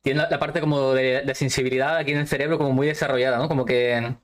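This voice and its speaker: A woman's voice: very deep voice, fairly even intonation, quick pace. A woman hosting an interview over a video call, talking in a friendly, chatty way. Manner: friendly, chatty, affirming often. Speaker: interviewer host. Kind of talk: casual interview chat.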